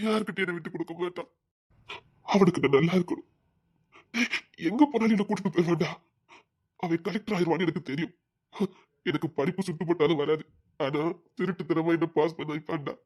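Actor playing a young guy with a tirunelveli accent, high voice, pouring his heart out to a friend about his lost mom, earnest village drama. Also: natural voice. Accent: Tirunelveli Tamil. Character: young man grieving his lost mother, devoted to his friend. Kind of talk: dramatic dialogue.

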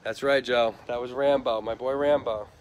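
A man's voice: steady tone, normal speed, poor audio. A man hosting a casual charity livestream at an outdoor animal shelter, reading out viewer comments. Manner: talks to the dogs in a high, soothing baby voice; reads out and answers viewer comments. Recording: outdoor wind and barking noise.

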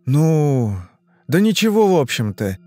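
A man's voice: fairly high pitch, sing-song, a little slow, warm tone, no echo, pitched above the performer's own voice. A man voicing an anxious middle-aged businessman and father in an audiobook, flustered and hesitant. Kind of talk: audiobook reading.

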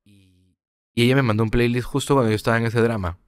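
A young man, a podcast guest telling a personal story in a halting, reflective way, often repeating words. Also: medium pitch, fairly even intonation, clean tone.

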